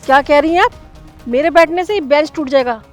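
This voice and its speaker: A woman's voice: high voice, brisk, faint music behind, lightly acted. A woman playing a neighbor who earnestly and indignantly stands up to mocking people. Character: hurt, dignified neighbor woman, heavyset.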